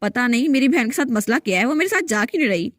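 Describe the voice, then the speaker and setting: A woman's voice: on the high side, animated, fast talker, dry recording, studio quality. A woman voicing a worried young man who earnestly pleads to take his little sister home. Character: worried young man, protective older brother.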